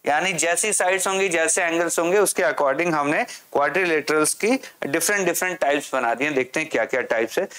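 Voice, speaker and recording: Slow English read-outs mark this maths teacher's classroom explanation, in which he asks questions and answers them himself. His voice is a little high and a bit bright.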